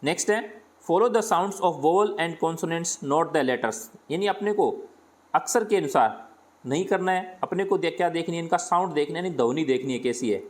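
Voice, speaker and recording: Teacher voice: man with a Hindi accent, slightly high-pitched, patient step-by-step grammar explanation. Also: normal speed. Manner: explains step by step, asks and answers his own questions. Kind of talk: grammar lesson.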